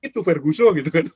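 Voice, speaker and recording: Husky, animated male trading host. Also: fairly high pitch, no room sound, highs cut off. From Indonesia. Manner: animated, acts out quoted traders in raised voices. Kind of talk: casual chat.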